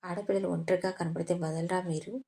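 A woman's voice: fairly low pitch, steady tone, a little fast, gravelly, warm tone. A woman voicing a hot-tempered, protective young male businessman who scolds harshly in an audio story. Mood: angry scolding.

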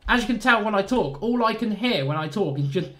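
A man's voice: sits high, expressive, brisk, fairly bright tone. A man with a nasal southern English accent, chatting casually and joking at his own expense while narrating a train simulator run. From southern England. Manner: rambling, self-deprecating, jokey asides. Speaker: train sim YouTuber. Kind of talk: casual gameplay commentary.

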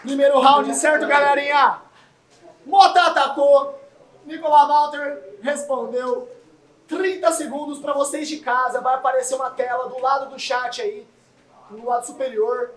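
An energetic man hosting a rap battle with slangy, casual announcing. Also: very high voice, measured pace. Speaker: battle host. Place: indoor bar room, in front of camera. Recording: echoey room, slightly distant.

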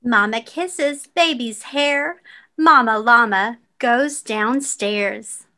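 High, slow-paced woman reading a storybook. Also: pushed and bright. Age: adult. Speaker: co-reader of a children's picture book. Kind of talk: expressive read-aloud storytelling for children.

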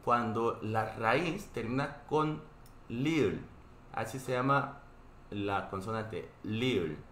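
Slow-speaking man with a Korean accent. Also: medium pitch, a bit bright, roomy sound, slight background noise. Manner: slow, patient explaining with frequent checks like "¿ok?". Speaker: Korean teacher. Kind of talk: live online language class.

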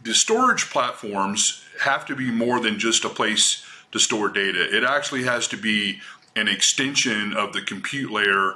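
A middle-aged man speaking on a video-call panel discussion, measured and hesitant, with frequent fillers. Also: on the low side, pushed and bright. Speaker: panelist from a cloud provider. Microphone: webcam on a video call.

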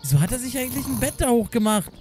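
A man's voice: very high voice, big pitch swings, very fast, over music. A man hosting and acting in a Minecraft role-play film, urgently directing his friends and talking to his viewers. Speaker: YouTuber and narrator.

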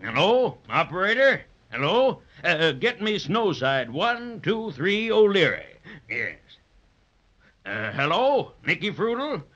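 A man's voice: high voice, sing-song, slow, fairly bright tone, heavily acted. An actor playing Santa Claus as a kindly, folksy, reassuring old man in a 1930s children's radio play. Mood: kindly, busy. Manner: avuncular, soothing, folksy. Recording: dull lo-fi 1930s radio recording.

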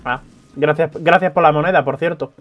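A man's voice: fairly high pitch, a little fast, lo-fi sound, music in the background. A man with a Spanish accent from Spain, joking through a let's play and slipping into mock-dramatic cries. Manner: animated, jokey, slips into mock-dramatic cries. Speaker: gaming YouTuber.

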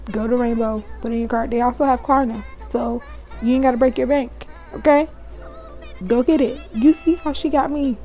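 A chatty young woman, hyping up each piece of her clothing haul straight to her viewers. Her voice sits fairly high and sounds mellow rather than bright. Faint music plays underneath. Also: poor audio. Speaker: fashion vlogger. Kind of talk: casual haul vlog.

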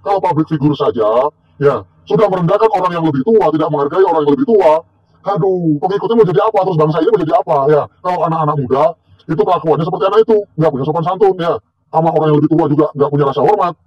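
A man's voice: a little high, racing, husky, dull audio. A middle-aged man vlogging outdoors by a tree, recording himself and talking in a mocking, scornful way. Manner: mocking, scornful, taunting with laughs. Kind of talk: casual rant to camera. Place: outdoors by a tree near a corn field. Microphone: self-recorded on a handheld camera or phone.

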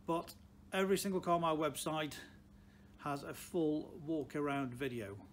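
A car dealer from Stoke-on-Trent, England, a man in his sixties with a Potteries accent, talks straight to camera without a script, using emphatic repeated phrases. His voice is a little high and moves at normal speed. The recording, made in a large indoor car showroom, has clear ambient background noise.

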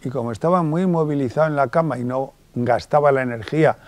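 A man giving a lively public talk as a psychologist, colloquial and acting out little dialogues. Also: mid-range voice, quick pace, dry recording. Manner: colloquial, acts out little dialogues in different voices.

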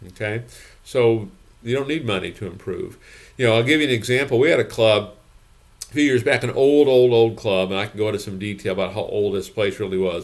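An older man in his sixties, a gym business consultant, giving emphatic advice to camera from a home office, repeating his points and checking in with "okay?". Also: on the low side. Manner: emphatic, repeats phrases, frequent "okay?" and "you know".

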